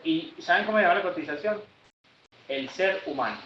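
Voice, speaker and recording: A man leading a sales workshop, explaining and acting out customer calls in a lively manner. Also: high-pitched, brisk, background noise. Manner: lively, acts out callers in raised voices. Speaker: sales trainer. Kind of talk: workshop lesson with acted examples. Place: training room. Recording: echoey room, distant dull mic.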